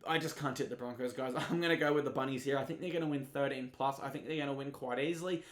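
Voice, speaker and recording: A man's voice: mid-range voice, steady tone, fast talker, roomy sound. A young Australian man giving casual, chatty rugby league tips and often calling his viewers "guys". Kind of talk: informal tipping preview.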